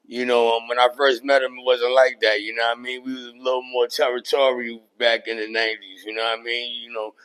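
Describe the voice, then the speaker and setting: A middle-aged man, a rapper and producer talking through his career as a podcast guest, relaxed and full of "you know what I mean.". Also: mid-range voice, a little fast, hardly any pauses, clean tone, low-quality recording. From New York. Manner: laid-back, many fillers like "you know what I mean". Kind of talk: casual interview chat.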